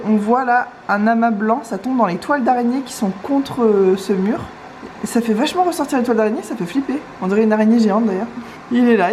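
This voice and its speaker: A young woman from Réunion, hoarse after waking up, chatting in a rambling, self-mocking way for her vlog. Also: on the high side, darkish tone, slight background noise. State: hoarse, just woken up. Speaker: vlogger. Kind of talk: casual vlog chat. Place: home in the morning, then driving a car.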